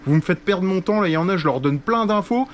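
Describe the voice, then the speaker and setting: A man's voice: sits high, lively intonation, fast talker, slight background noise. A man vlogging casually from his hotel room, chatty and full of slang, talking straight to his viewers and calling himself by a nickname in the third person. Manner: slangy, chatty, addresses viewers as "les gars" and "les loulous". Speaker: travel vlogger. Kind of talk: casual vlog chat to camera.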